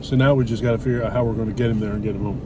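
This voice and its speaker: Rapid-fire and fairly even in intonation, a lowish-voiced middle-aged man chats casually with his wife over a meal for his vlog, blunt, opinionated and lightly swearing. Captured on a distant mic, the clip carries loud traffic and car noise.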